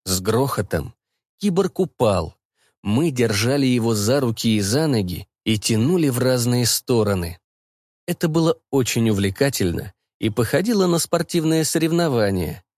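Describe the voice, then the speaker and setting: A man reads a story aloud with lively, animated intonation. His voice sits at a middle pitch, and the recording is dry and close to the mic. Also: moderate pace, dry recording. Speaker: audiobook narrator. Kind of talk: expressive audiobook narration.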